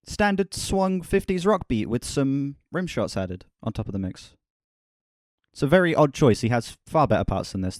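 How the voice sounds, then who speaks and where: A man's voice: on the low side, a little mellow, no room sound, studio quality. Candid man reacting to an album. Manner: candid, swears, stumbles and self-corrects. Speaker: music reaction streamer. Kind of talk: casual album reaction commentary. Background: album music playing faintly.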